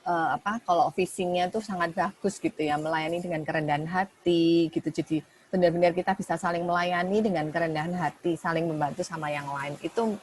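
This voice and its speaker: Low-voiced woman hosting an online meeting. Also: steady tone, a little fast, a little hiss or hum. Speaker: meeting host. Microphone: video call.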